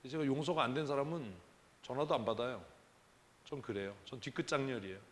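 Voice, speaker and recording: A man's voice: mid-range voice, fast, fairly bright tone. Guy pastor preaching, chatty but punchy, lots of questions to the crowd, long church echo, bit of hiss. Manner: conversational and emphatic, full of rhetorical questions. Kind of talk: sermon at a prayer meeting. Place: church sanctuary.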